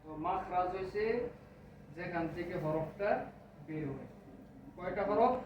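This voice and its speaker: A man's voice: sits high, unhurried. A man teaching a class of children, asking them questions again and again and repeating key words. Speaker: teacher of Quran recitation. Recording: echoey room, distant mic, dull, noisy.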